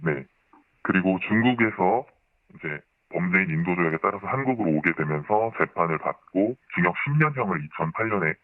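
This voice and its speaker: A man with a digitally disguised deep voice, answering a radio interview anonymously in a polite, formal, explanatory way. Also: expressive, brisk. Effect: voice disguised, pitched down by modulation. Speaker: anonymous interviewee, former member of a religious group. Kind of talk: radio news interview testimony. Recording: muffled band-limited sound, roomy echo.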